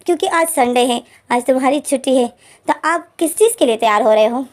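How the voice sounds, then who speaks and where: A woman's voice: high-pitched, brisk, close to an everyday voice. A woman voicing a playful, affectionate young man who teases cheerfully, in a spoken storybook retelling. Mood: amused. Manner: teasing, cheerful.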